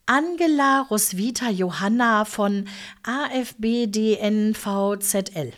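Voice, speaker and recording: A woman voicing a calm, teasing female angel in biker leathers who speaks gently and familiarly, at times in a whisper. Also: mid-range voice, slow, close to an everyday voice.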